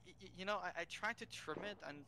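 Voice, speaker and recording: A man's voice: high voice, fast talker, sharp tone, a little hiss or hum. A man chatting casually during a game, stammering and repeating his words now and then.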